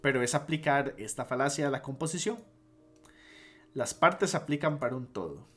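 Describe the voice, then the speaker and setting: A man's voice: medium pitch, expressive, normal speed, a bit bright, soft background music. A man teaching logic in a casual online lecture, explaining step by step and stopping to restate and correct himself.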